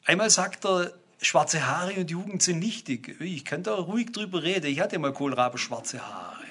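Older guy preaching, high bright voice, kinda husky, gets loud and emphatic. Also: lively intonation, moderate pace. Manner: emphatic, rising to exclamations, addresses the congregation directly. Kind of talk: sermon.

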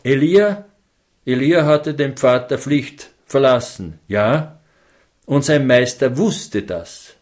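A man delivers a sermon in a measured, mid-pitched voice. He speaks slowly and deliberately, weighting single words and repeating phrases for emphasis. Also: animated, a little mellow. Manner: slow, emphatic, repeating key words with stress. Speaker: preacher.

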